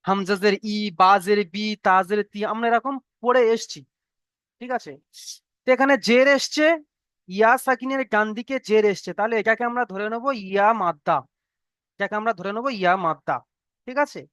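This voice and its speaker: This teacher runs an online class on reading Arabic letters for the Quran, with a smooth, resonant voice in a dry, close sound. Each rule comes slowly and gets repeated again and again. Frequent checks of "okay?" keep the students following along. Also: mid-range voice, a bit bright, no echo.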